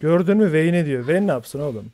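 Streaming a game live, a man rants in exasperation and swears while reading his teammates' chat aloud. His voice is fairly high, expressive and brisk, with a warm tone.

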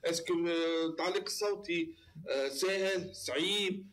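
A man with a Tunisian accent interviewing a guest, asking his questions haltingly with restarts. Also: sits high, a bit bright. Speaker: interviewer, host.

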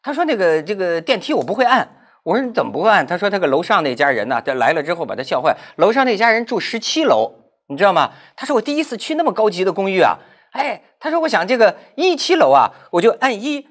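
A man in his fifties hosting a roundtable talk show, telling an anecdote in a casual, animated way and acting out the people he quotes. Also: high voice, fast. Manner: animated storyteller, acts out quoted speech, frequent word repeats.

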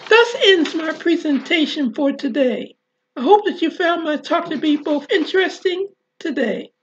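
A woman author reading her childhood story, then giving a presentation in a slow, deliberate way, spelling words out. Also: high-pitched, lively intonation, a little hiss or hum. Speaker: author and speaker. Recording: dull lo-fi recording.

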